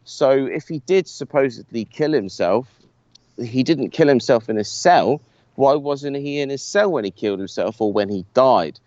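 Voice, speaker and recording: A man's voice: mid-range voice, expressive, normal speed, darkish tone, dry recording. Man on a choppy call line that keeps cutting out. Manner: loose, sweary talk. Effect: remote call audio cutting out, choppy and dropping. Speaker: podcast co-host. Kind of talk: casual chat. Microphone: remote call line. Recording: dull lo-fi call audio, dry.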